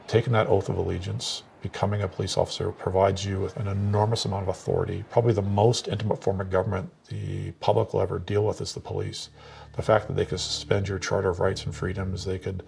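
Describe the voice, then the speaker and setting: A man giving serious, measured commentary on police accountability. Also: low voice, little pitch movement, gravelly, darkish tone. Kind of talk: explanatory commentary. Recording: distant mic with faint noise.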